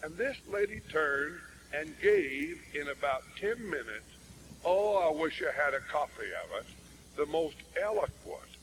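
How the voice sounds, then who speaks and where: A traveling evangelist spins a folksy, humorous sermon story in a fairly high male voice. He talks in lively swings, and faint noise hums behind him. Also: measured pace, low-quality recording.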